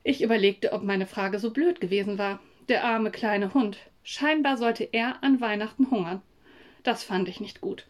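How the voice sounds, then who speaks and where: A woman narrating a children's story in a calm, even read-aloud manner. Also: mid-range voice, normal speed. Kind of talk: storybook reading.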